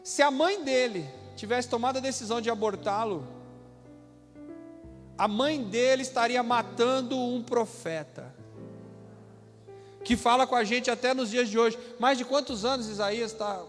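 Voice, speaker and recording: A man with a Brazilian Portuguese accent, a pastor preaching a sermon in a conversational way that rises to loud shouted scripture readings. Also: very high voice, measured pace, pauses often, faint music behind. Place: church hall. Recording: live church sound with long hall reverb and instruments behind.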